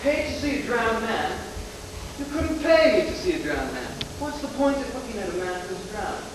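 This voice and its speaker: Brief: teen boy as a huffy, disbelieving gentleman on a school stage, far off and hissy. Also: very high voice, big pitch swings, moderate pace. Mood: exasperated. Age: teens. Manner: incredulous, exasperated retorts. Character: indignant male gentleman passerby, exasperated. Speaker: student actor. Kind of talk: 1980s high school stage play. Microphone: distant camcorder mic. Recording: echoey auditorium, far from camera, audible hiss.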